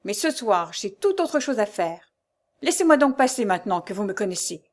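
A woman's voice: mid-range voice, sing-song, normal speed. A woman voicing a mocking, menacing nobleman abductor. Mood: impatient threatening. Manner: mocking, threatening. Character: brutal arrogant nobleman abducting a young wife.

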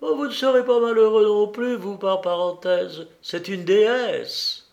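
A man's voice: on the high side, expressive, normal speed, vocal fry, a little mellow, muffled recording. A man doing a gushing old baroness. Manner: effusive, fussy, tearful. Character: gushing, emotional older baroness.

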